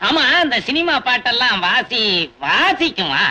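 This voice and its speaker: A man's voice: very high-pitched, big pitch swings, measured pace, sharp tone, full character voice. A man acting in a comic film as a cheeky cardplayer who mutters to himself and teases others. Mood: teasing. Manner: teasing, chattering to himself. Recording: faint film soundtrack hiss.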